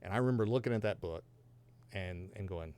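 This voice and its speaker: A man's voice: low-pitched, fairly quick, darkish tone. A man in his fifties from Georgia and Texas, sharing his faith testimony as a podcast guest in an earnest, reflective way with light self-deprecating humor. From Georgia and Texas, USA. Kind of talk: personal testimony in a podcast conversation.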